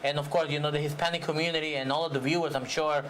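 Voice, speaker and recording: A man hosting a TV interview, asking rambling, halting questions with many fillers. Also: fairly high pitch, fairly even intonation, fairly bright tone, slight background noise. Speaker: TV show host.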